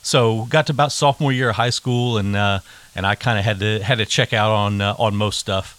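A man's voice: on the low side, fairly even intonation, a little fast, fairly bright tone, dry recording. A man, a sportswriter guest on a home podcast, talking in an easygoing, self-deprecating way. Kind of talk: casual interview. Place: a house set up as a home studio.

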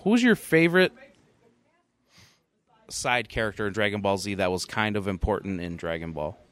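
Lively casual man chatting. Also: on the low side, moderate pace, no room sound. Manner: animated, swearing, laughs often. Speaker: podcast co-host. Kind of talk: casual chat.

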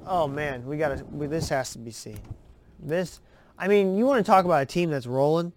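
A man hosting a sports podcast, giving excitable, rambling, profane commentary over game footage. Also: fairly high pitch, moderate pace.

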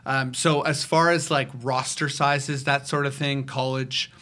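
A man from Toronto, a podcast guest, explaining things casually with many pauses and fillers. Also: medium pitch, little pitch movement, bright, forceful tone. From Toronto, Canada. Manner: hesitant, many fillers, easygoing.

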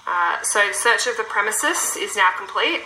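A woman's voice: mid-range voice, lively intonation, normal speed, pushed and bright. Policewoman on an old interrogation tape. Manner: procedural, reads set questions with fillers. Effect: played-back police interview recording. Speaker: police constable. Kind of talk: formal recorded police interview. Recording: echoey room with faint background noise.

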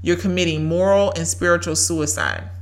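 A woman's voice: fairly low pitch, fairly even intonation, moderate pace. A woman, giving an emphatic, preachy faith talk as a podcast host and repeating lines for effect. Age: 30s. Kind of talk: faith-based motivational talk.

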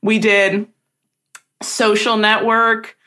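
A woman's voice: mid-range voice, flat delivery, extremely slow, pushed and bright. A young woman co-hosting a podcast, telling stories in casual chat with lots of "like". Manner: chatty storyteller, heavy use of "like". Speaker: podcast co-host.

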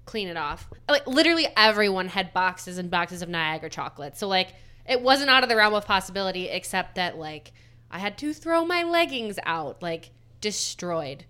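Young woman with a bright, smooth voice, relaxed storyteller, drops to near-whispers at the end of phrases. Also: medium pitch, moderate pace. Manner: fills speech with "like", trails off quietly. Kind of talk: casual storytelling chat.

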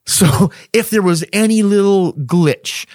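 A man's voice: sits high, takes it slowly, a little mellow, no room sound, studio quality. A middle-aged man telling a personal story in casual conversation. He acts out the dialogue and laughs mid-sentence.

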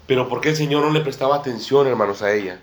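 Speaking quickly at a middle pitch, a male preacher gives a repetitive sermon, circling back to his phrases and calling his listeners brother and sister again and again. The recording, made in a church room with a table and a small congregation, has noticeable echo.

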